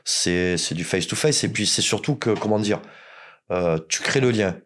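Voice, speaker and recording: A man's voice: on the low side, animated, moderate pace, a bit bright, a little hiss or hum. A man from France, a podcast guest, telling stories in casual chat, blunt and joking with plenty of swearing.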